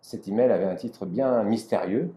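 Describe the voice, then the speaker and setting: French guy hosting an interview, low mellow voice, bit of room echo, some ums. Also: moderate pace. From France. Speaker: interviewer, host. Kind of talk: interview introduction.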